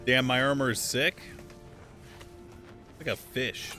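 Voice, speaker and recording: A man's voice: mid-range voice, takes it slowly, sharp tone, faint music behind. A man talking casually over a livestream headset mic while playing a game, swearing often and chatting to viewers. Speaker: game streamer. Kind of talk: casual live gameplay commentary.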